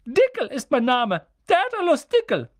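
A man voicing a small, excitable old wizard who talks shrilly and breathlessly. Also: very high voice, unhurried, pitched above the performer's own voice, exaggerated voice. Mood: overjoyed. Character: elderly excitable wizard, small, top-hatted, giddy.

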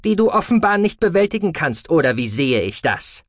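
A man's voice: fairly high pitch, big pitch swings, fairly quick, no room sound, clean studio sound, voice pushed up. A man voicing a young, stern alien fleet commander who speaks curtly, in a German audiobook. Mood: cool. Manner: curt and commanding.

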